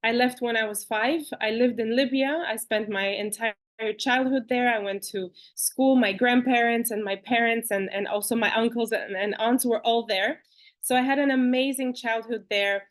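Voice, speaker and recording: Chatty, animated woman on a video call. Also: a little high, moderate pace. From Bulgaria. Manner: animated, chatty, with frequent fillers and restarts. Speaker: guest. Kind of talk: conversational interview.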